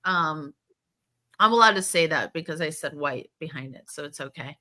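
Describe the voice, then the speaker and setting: A woman from Florida with a bright, forceful voice carries the chat, crude and teasing. She rambles through stories and ribs her friends as she goes. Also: low voice, animated, moderate pace. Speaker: podcast co-host. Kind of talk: casual banter.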